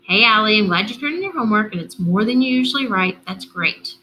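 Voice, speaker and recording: A woman reading as an upbeat, gentle teacher. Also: medium pitch, animated, fast, a little hiss or hum, low-quality recording. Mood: encouraging. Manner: encouraging, careful. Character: upbeat, gentle male schoolteacher.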